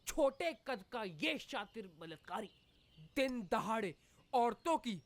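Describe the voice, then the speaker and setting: An actress reading the news as a TV anchor, in a formal announcing manner. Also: female voice, a little high, big pitch swings, slow pace. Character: brisk woman TV news anchor. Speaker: news reader.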